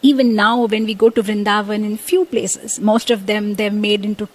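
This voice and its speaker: A woman's voice: medium pitch, fairly even intonation, normal speed, low-quality recording. A woman telling a devotional story, acting out the characters' quotes with many fillers.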